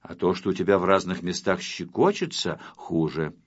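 A man voicing a blunt little male character who explains things calmly and plainly. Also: sits low, moderate pace, breathy edge, pitched below the performer's own voice. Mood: matter-of-fact. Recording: dull lo-fi with faint music.

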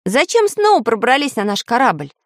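A stern inventor at the helm of a flying ship voiced by a woman. He scolds in a raised voice that climbs above the reader's own, lively in pitch, and the sound is dry. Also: normal speed, no echo. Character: stern practical male inventor captain.

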